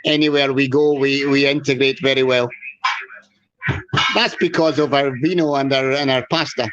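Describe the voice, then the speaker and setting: A man's voice: mid-range voice, fairly even intonation, moderate pace, noisy background. A man, speaking earnestly and proudly on a video call, often repeating words as he starts a thought. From Scotland. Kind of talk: casual chat on a video call. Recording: dull lo-fi video call audio.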